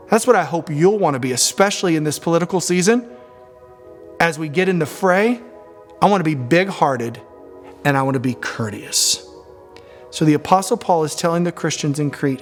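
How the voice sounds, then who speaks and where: A man preaching a sermon as pastor, animated, calling on the congregation to respond and laughing between points. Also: a little high.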